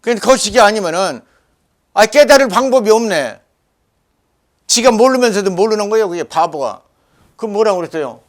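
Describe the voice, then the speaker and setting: An older man lecturing forcefully in a Jeolla dialect, scolding and rambling. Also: high voice, expressive, normal speed, long pauses. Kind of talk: animated lecture.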